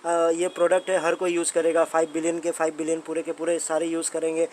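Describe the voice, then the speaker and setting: This Indian-accented host of a channel covering a company's updates speaks quickly, in a slightly high and slightly mellow voice with a completely flat delivery. It's informal explainer commentary, chatty and full of repeated points and rhetorical questions aimed at viewers. A little hiss or hum sits under the recording.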